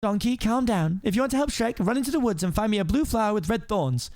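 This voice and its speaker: A male narrator acts out a spirited cartoon princess. The pitch sits high and moves freely, the manner is prim and commanding, and the sound is dry. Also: lively intonation, quick pace, a little mellow, no echo. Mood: concerned. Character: feisty young princess, polite but bossy.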